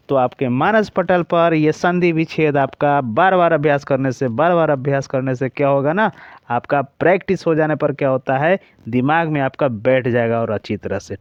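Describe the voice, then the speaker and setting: Male tutor, Bihari Hindi accent, fairly high, clear voice, steady repetitive drill style for exam prep. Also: moderate pace, no echo, muffled recording. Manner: repeats examples in a steady drill, checking in with the class. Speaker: teacher. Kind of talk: exam-prep grammar lesson.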